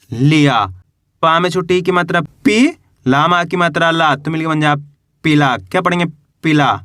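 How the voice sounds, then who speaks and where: A man's voice: sits high, fairly bright tone, dry recording, clean studio sound. A man teaching a beginners' Hindi reading lesson, patient and repetitive, asking questions and answering them himself. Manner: patient and repetitive, asks questions then answers them, stretches example syllables.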